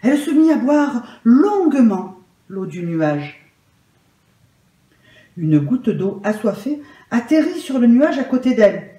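A woman telling a children's story aloud in a calm, measured and soft way. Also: a little high. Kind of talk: gentle read-aloud storytelling. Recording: roomy echo.

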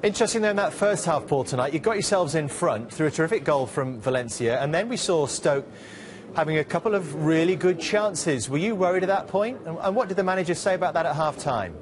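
A man working as a pitchside reporter, briskly asking long, detailed post-match questions. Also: animated, crowd noise. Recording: noisy background.

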